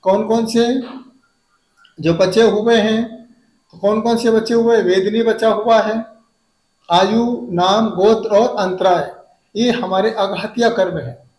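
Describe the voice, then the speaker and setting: A man, a Jain monk, teaching how to recite a hymn, drawing out each verse syllable slowly and then explaining the pronunciation in quick asides. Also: high-pitched, steady tone, darkish tone, reverberant, rough recording. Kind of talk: devotional recitation lesson.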